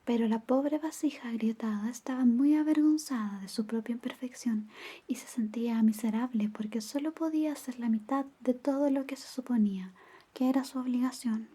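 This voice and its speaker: Casting: actress as tender girlfriend for ASMR ASMR role-play, soft mellow tone, very breathy, storybook intimacy. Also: fairly high pitch, moderate pace. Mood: tender, soothing. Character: caring, teasing girlfriend reading bedtime stories.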